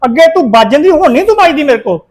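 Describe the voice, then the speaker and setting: A man's voice: very high voice, big pitch swings, very fast. A middle-aged man acting as a stern, suspicious husband and son who scolds his wife in a family drama. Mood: accusing. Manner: accusing, scolding.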